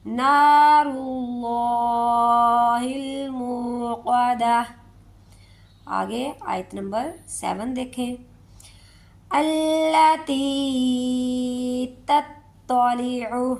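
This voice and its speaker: Lady tajweed teacher, kinda high voice w gravelly edge, keeps asking "okay?". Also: darkish tone. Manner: checks in often with a rising "okay?", repeats each word slowly. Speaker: Quran recitation teacher. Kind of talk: tajweed lesson, explaining rules then reciting verses slowly.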